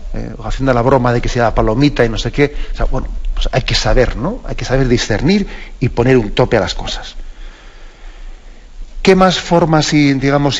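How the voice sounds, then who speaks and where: Spanish man, bishop on catechism radio, mid voice, chatty teaching, muffled audio. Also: medium pitch. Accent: Spanish from Spain. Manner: conversational, many tag questions and restarts.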